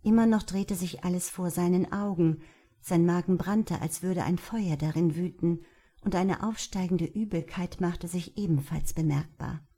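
A woman narrating a novel in a steady, even audiobook reading. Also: fairly low pitch, moderate pace, slightly rough. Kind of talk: scripted narration.

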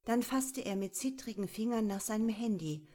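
Woman, narrator, scripted audiobook reading, steady storytelling. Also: fairly high pitch, normal speed.

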